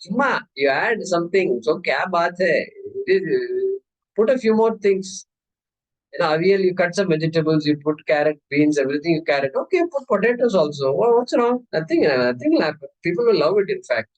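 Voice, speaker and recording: A man's voice: a little high, very animated, a little fast, a little mellow, dull audio. A man with an Indian accent gives an explanatory scripture lecture as a teacher, repeating key words and checking in with his listeners. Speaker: teacher of a Sanskrit scripture class.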